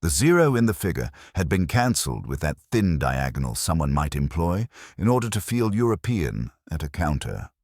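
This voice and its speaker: An audiobook narrator with an extremely deep, darkish voice reads literary detective fiction in a formal, dry, measured way, though his intonation is very animated and ranges widely. The recording is close and dry, with no room sound.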